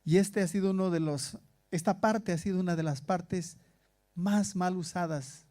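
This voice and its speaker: Man preaching a conversational sermon, dark tone. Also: high-pitched, normal speed. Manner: conversational preaching with rhetorical questions. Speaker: pastor. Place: church in Stockholm.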